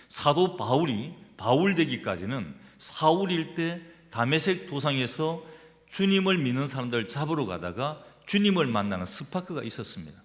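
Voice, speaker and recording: Lively preacher in a reverberant hall. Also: male voice, mid-range voice. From Gyeongsang region, Korea. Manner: emphatic, addresses the congregation with rhetorical questions. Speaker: pastor. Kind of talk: sermon. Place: church sanctuary. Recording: long church-hall reverb.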